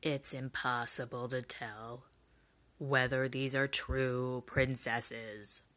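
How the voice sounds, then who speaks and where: A woman voicing an earnest, lovesick young prince in a low, slow voice for a soft-spoken story. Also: steady tone, heavily acted.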